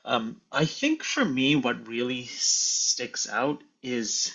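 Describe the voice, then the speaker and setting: A tenor from Sri Lanka, speaking in a casual conversation, thoughtful and hesitant with many restarts. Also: male voice, medium pitch, sing-song, takes it slowly, fairly bright tone, slightly rough, muffled recording. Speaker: guest tenor.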